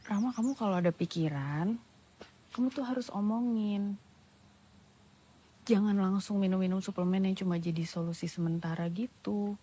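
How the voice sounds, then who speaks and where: A woman playing a gentle, concerned mother with a husky voice in a naturalistic screen drama. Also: mid-range voice, moderate pace, long pauses, natural voice. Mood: earnest, advising. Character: gentle, concerned mother advising her teenage son.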